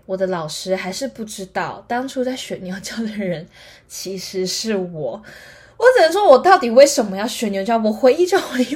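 A woman's voice: a little high, slightly rough. A nineteen-year-old woman with a Taiwanese Mandarin accent hosts a solo podcast, telling a chatty story full of fillers and acting out other people's lines. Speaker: podcast host.

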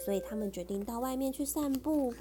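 A woman reading a picture book aloud to her child in a playful, gentle way. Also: sits high, brisk, music in the background. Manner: playful, acts out characters with voices. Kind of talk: storybook read-aloud to a child.

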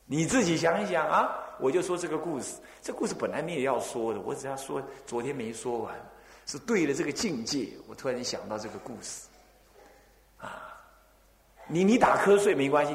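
A man from Taiwan, the abbot of a temple, giving a Buddhist dharma talk in a lively storytelling way, full of rhetorical questions and little chuckles. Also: fairly high pitch. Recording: echoey hall.

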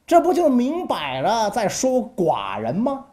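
A woman's voice: fairly high pitch, wildly swooping pitch, measured pace, dark tone. A woman telling history stories in a chatty, colloquial way, often asking the listener for agreement. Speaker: storyteller. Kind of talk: casual history storytelling.

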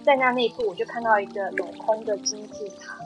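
A woman's voice: fairly high pitch, fairly even intonation, fairly quick, music in the background, rough recording. A woman guest on a talk podcast, telling a personal spiritual story in an earnest, emotional way. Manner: earnest, emotional storytelling with soft-spoken quoted dialogue.

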